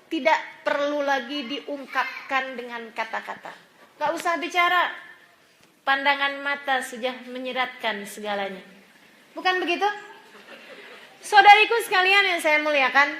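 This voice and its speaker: A woman's voice: high-pitched, pushed and bright. A woman religious teacher giving a sermon to women, telling stories, acting out the people in them and laughing often. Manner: storytelling, acts out quoted voices, laughs often.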